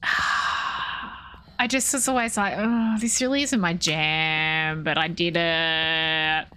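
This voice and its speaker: A woman's voice: mid-range voice, a bit bright. A young woman chatting casually while streaming a game, rambling and breaking off mid-thought. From Australia. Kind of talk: casual chat while gaming live.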